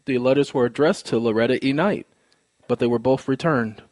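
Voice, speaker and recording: A man with a medium-pitched, darkish voice speaks briskly, formal and polite but insistent, explaining a complaint in precise wording. He's the caller, presenting his own recorded phone call. There's no room sound.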